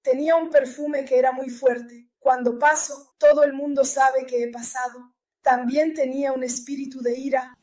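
A woman's voice: sits high, little pitch movement, moderate pace, a little mellow. A woman giving an earnest personal religious testimony in church, often repeating her key phrases.

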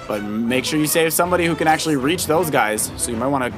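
The dad co-hosting a family Let's Play speaks fast in a fairly high voice with lively intonation. Over video game music, he offers casual, encouraging commentary, explaining moves to the player as he goes.

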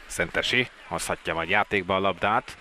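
Male sports commentator, excitable live match delivery, fairly low voice with a forceful, bright edge. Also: slight background noise. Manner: excited, voice rising at key plays.

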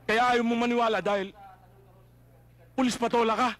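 A complaining bank manager. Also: male voice, very high voice, flat delivery, normal speed, a bit bright. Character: indignant male bank manager, wrongly arrested. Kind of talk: slapstick comedy acting.

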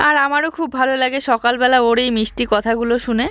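A young woman, narrating her family vlog to viewers in a relaxed, casual way. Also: on the high side, fast talker, clear, resonant tone, no room sound. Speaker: family vlogger and mother.

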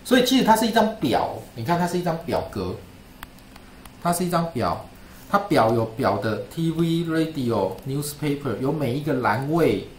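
A man's voice: fairly high pitch, big pitch swings, moderate pace, slight background noise. Male lecturer, chatty and repetitive, roomy classroom sound. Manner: chatty, repeats himself, asks "right?". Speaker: statistics lecturer. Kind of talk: classroom screen-share lesson.

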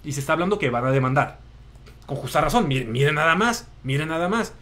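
Casting: young northern Mexican male host, high-pitched, slangy and animated. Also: fast talker. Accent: northern Mexican Spanish. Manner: slangy, animated storytelling with acted-out quotes. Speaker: show host. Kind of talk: casual live commentary.

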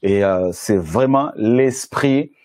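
Low, mellow-voiced man preaching haltingly. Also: no room sound. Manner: halting, many hesitations and self-corrections. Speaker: pastor. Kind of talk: sermon with Bible reading.

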